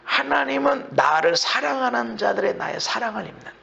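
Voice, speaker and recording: Pastor, male, high gravelly voice, bright and tense, animated sermon delivery on a dull lo-fi recording. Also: a little fast. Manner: animated preaching, acts out complaints.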